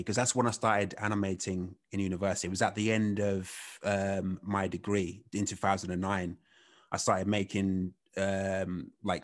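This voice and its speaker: A man in his thirties, a guest on a podcast. He speaks in a fairly low voice and tells his story in a loose, rambling way, with many casual fillers. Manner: relaxed, rambling, heavy on "you know" fillers.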